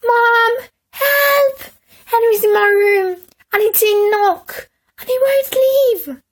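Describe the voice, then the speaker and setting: A woman's voice: very high voice, lively intonation, normal speed, a bit bright, voice pushed up, full character voice. A woman voicing a prim, whining little boy who tattles to his mother, in a storybook reading. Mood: wailing. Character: whiny tattling little boy, goody-goody younger brother.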